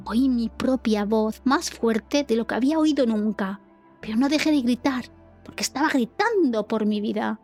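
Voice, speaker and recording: Breathy woman narrating a dramatic story. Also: on the high side, normal speed, darkish tone, faint music behind. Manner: earnest, dramatic retelling. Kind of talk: scripted first-person narration.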